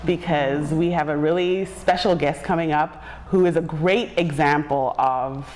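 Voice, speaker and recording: Animated woman co-host. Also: deep voice, unhurried, a little hiss or hum. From Zimbabwe. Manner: animated, laughs often. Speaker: talk show co-host. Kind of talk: casual chat. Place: bright living-room studio set.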